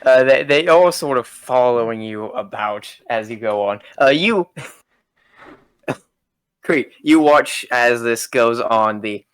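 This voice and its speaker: A man narrating as game master in a casual, halting way. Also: medium pitch, expressive, fairly bright tone, clean tone, no room sound. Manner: casual, with frequent fillers.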